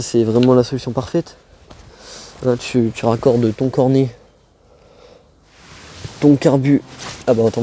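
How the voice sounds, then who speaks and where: A man's voice: medium pitch, warm tone, slight background noise. A young man chats informally and slangily to viewers, as a motorbike vlogger outdoors. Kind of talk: casual vlog chat. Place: outdoors in a quiet wooded spot.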